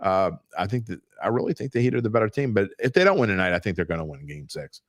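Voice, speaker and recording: A man with a lowish voice argues sports bets in a blunt, worked-up way, often jumping higher as he presses a point. The sound is dry and close, with no room around it. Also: very animated, fast talker, dry recording. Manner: emphatic, blunt, worked-up arguing. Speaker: sports betting podcast co-host. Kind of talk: casual sports betting debate.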